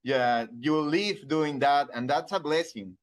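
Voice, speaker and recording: Speaking a little slowly in a voice on the high side, this man in his thirties interviews for radio with a Peruvian Spanish accent. He's casual and hesitant, hunting for words since he's working in his second language.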